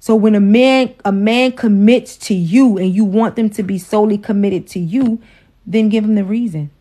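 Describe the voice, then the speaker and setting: A woman's voice: mid-range voice, moderate pace, dark tone. A woman in her forties hosting a casual livestream about relationships, outspoken, profane and preachy as she lectures her viewers. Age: 40s. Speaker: host, wife.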